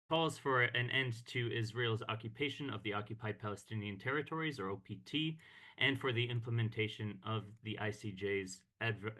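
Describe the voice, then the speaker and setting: Bright-voiced man giving a formal talk. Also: medium pitch. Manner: formal, measured delivery with occasional hesitations. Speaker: executive director of a peace organization. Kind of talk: online meeting speech. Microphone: computer mic on a video call.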